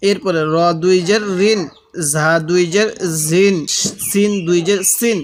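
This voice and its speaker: A man teaching Quran reading, drilling letter sounds slowly and asking listeners to repeat after him. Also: sits high. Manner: drills letters aloud with repetition, asks viewers to repeat. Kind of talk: slow step-by-step recitation lesson.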